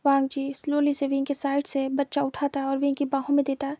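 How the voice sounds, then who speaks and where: A woman's voice: sits high, completely flat delivery, a little fast, warm tone, no room sound. A woman with a Hindi accent narrating a fan fiction story, repeating herself for emphasis. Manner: repetitive, emphatic.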